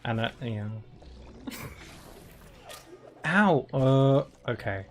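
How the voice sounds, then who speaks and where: A man's voice: mid-range voice, animated, extremely slow, faint music behind. A man casually chatting on a live stream as he plays a game, reacting aloud to what happens on screen. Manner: reacts aloud to gameplay with exclamations.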